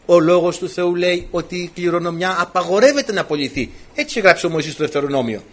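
A man's voice: high voice, animated. A man preaching a sermon, retelling old stories with animation and acting out the lines of the people in them.

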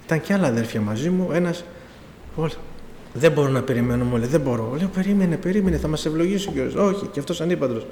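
A man's voice: mid-range voice, a little mellow. A middle-aged man preaching, telling his own story with quoted dialogue and pleading emphasis. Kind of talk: sermon testimony. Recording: echoey hall with faint room noise.

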